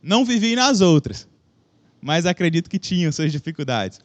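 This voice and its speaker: This casual sermon comes from a young Brazilian man whose slightly high voice moves at a moderate pace. Speaking with a Brazilian Portuguese accent into a microphone with a stage monitor in a church hall, he chats, jokes about himself, and questions the congregation.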